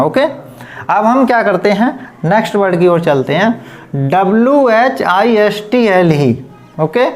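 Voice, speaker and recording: A male teacher giving a pronunciation lesson. He spells each word out letter by letter, repeats it slowly and closes each point with "okay". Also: high-pitched. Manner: ends points with a steady "okay". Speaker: English teacher.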